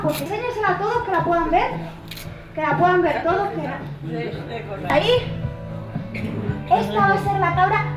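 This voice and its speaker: A young woman magician with a very high voice does lively stage patter in a care home common room, playfully repeating words and coaxing the crowd. The room is echoey, with music behind her.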